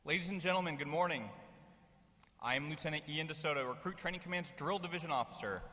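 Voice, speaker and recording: Bright-voiced male officer in a reverberant hall. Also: a little high, fast talker. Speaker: military officer narrating a ceremony. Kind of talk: formal scripted narration. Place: large indoor drill hall. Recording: reverberant hall public address.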